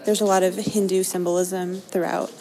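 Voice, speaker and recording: A woman's voice: lowish voice, little pitch movement, moderate pace, background noise. An American woman from Maine hosting a travel show, narrating vlog-style in an upbeat, enthusiastic way. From Maine, United States. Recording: music behind the voice.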